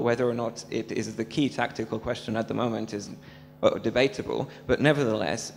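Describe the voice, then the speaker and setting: Give me a gravelly young man from Serbia asking an earnest question into a handheld mic in a big hall. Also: mid-range voice. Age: young adult. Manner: rapid and earnest, thick with fillers. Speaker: audience member asking a question. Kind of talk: public Q&A question. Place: large dark hall with an audience, standing. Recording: hall reverb with a faint hum.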